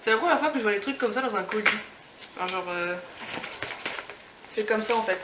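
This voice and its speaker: With lively intonation and a fairly quick delivery, a young female beauty and lifestyle vlogger gushes through a casual unboxing review, her speech peppered with fillers and restarts. Her voice is mid-range, and the room is echoey with background noise.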